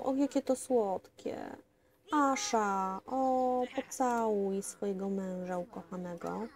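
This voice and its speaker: Young woman gamer, relaxed unhurried delivery, mid-pitched, chatty commentary that coaxes on-screen characters and talks straight to viewers. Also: creaky. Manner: chatty, coaxes her game characters and addresses viewers directly. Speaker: gameplay commentator. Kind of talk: casual let's-play commentary.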